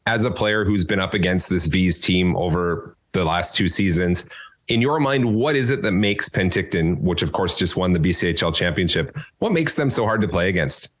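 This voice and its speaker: A man hosting a podcast interview, asking questions in an upbeat, lively way. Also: low-pitched, moderate pace. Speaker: podcast host.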